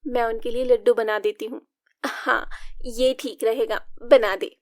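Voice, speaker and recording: A woman's voice: on the high side, steady tone, a little slow, no room sound, studio quality. A woman narrating a family drama story, expressively reading all the female parts. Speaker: narrator voicing all women. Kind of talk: storybook narration with character voices.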